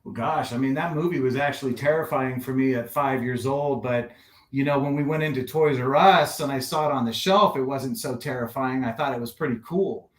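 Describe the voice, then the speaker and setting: A man in his forties, a guest collector, telling stories in a relaxed, rambling casual chat. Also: mid-range voice, fairly quick. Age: 40s. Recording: roomy echo.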